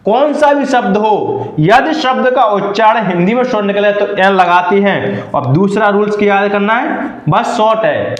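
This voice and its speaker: High-voiced male teacher in an echoey room. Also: expressive, moderate pace. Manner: repeats questions and answers them himself. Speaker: English teacher. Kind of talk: classroom lesson.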